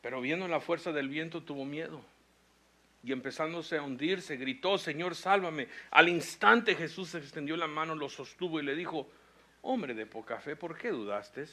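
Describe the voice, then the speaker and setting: Man, pastor, sermon, bright forceful voice, slightly high pitch, emphatic rising delivery. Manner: preaching with rising intensity and slow emphatic phrases.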